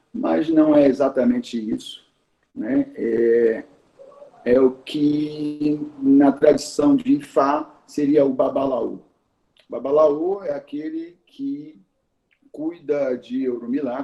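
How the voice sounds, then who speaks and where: A man with a Brazilian Portuguese accent teaching in a conversational lecture, explaining slowly and repeating key words, often adding "né?". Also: medium pitch, dark tone. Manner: slow, explanatory, repeats and spells out words, frequent "né?". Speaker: Yoruba culture teacher and Awo Olorixá. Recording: dull roomy recording.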